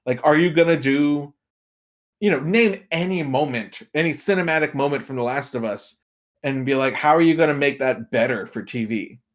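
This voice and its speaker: A man appears as a podcast guest and film and game pundit, chatting casually while giving emphatic opinions and repeating points for effect. His voice is a little high and his pace moderate.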